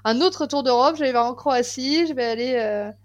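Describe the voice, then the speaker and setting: A woman's voice: high voice, brisk. Enthusiastic woman chatting about travel tips. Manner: enthusiastic, many fillers and restarts. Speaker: podcast guest. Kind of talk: casual podcast chat.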